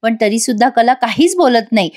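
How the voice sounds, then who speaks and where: A woman's voice: a little high, expressive, brisk, darkish tone. A woman narrating a TV serial episode recap as a voice-over, chatty, with asides to the viewers. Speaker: TV serial reviewer.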